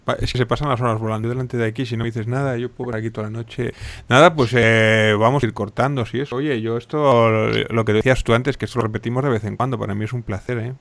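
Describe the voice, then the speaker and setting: A man from Spain, co-hosting a casual chat in a quick, self-deprecating way. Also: mid-range voice, steady tone, no echo.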